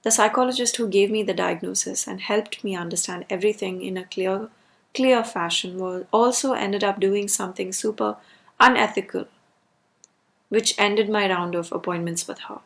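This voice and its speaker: A woman's voice: medium pitch, moderate pace, gravelly, a bit bright. A woman delivering a personal rant as a video creator, speaking emphatically and repeating words for stress.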